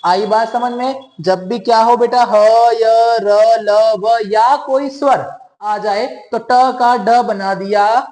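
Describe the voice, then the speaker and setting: A man's voice: high-pitched, fairly even intonation, slow, darkish tone. A man teaching a class, patiently explaining rules and often checking that students follow. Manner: patient, keeps calling students "beta" and asking questions. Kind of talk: classroom lesson.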